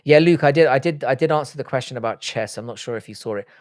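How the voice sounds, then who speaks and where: Talking fast in a mid-range voice, an Irish-born young man who grew up in the UK runs a live stream. He swears, jokes and answers viewer questions bluntly, and the studio recording has no room sound.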